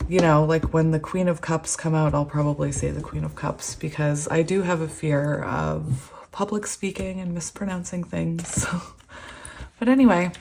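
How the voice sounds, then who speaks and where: There's a little hiss or hum behind this tarot reader's lowish, darkish voice, which is hoarse because a cold has nearly silenced her. She chats casually through the reading, laughing often and trailing off with fillers.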